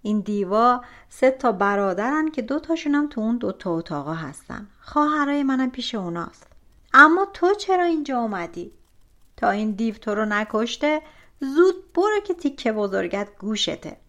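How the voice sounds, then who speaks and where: Young captive girl, urgent and caring, storybook telling, woman reading, lively pitch. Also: highs cut off. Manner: urgent, pleading.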